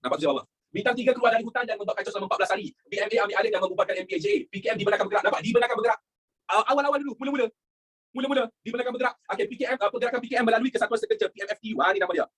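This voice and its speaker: A young male teacher with a Malaysian Malay accent, giving an animated history lesson to his students, slipping in English phrases and acting out quotes. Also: extremely high pitch, very fast, breathy edge.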